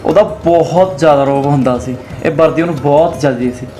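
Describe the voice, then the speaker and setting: A young man with a Punjabi accent, acting a grieving widower and father who talks quickly and earnestly. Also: a little high, natural voice. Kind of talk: village drama acting. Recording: echoey room with loud background music.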